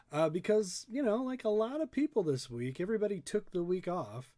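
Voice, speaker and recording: With a high-pitched, darkish voice, this man leads a laid-back online storytime for children. He's a local dad, and his talk wanders in a folksy, playful way.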